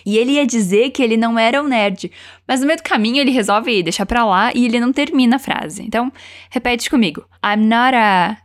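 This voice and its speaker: A woman teaching English, encouraging learners and slowing down to model each phrase for them to repeat. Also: on the high side. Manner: encouraging, slows down to model pronunciation. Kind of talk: language lesson with repeat-after-me drills.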